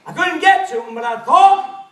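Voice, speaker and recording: A man's voice: very high-pitched, lively intonation, moderate pace, a bit bright, voice pushed up. A male preacher voicing a woman healed and overjoyed. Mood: relieved. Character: woman healed after years of illness, joyful. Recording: echoey church, mic at a distance.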